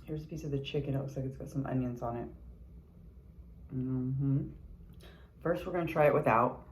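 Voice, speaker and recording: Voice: medium pitch, normal speed, slight background noise, poor audio. A mukbang vlogger in a casual eating video, chatting between bites with lots of chewing murmurs and candid, sweary remarks.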